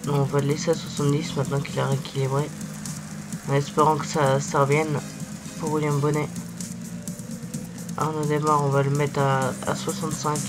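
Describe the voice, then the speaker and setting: A young man hosts a gaming video with a sore, swollen-tonsil voice. His delivery is very even and halting as he searches for words. Loud music plays behind his casual cycling commentary. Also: fairly high pitch, low-quality recording. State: sick with tonsillitis, swollen-throat weakened voice.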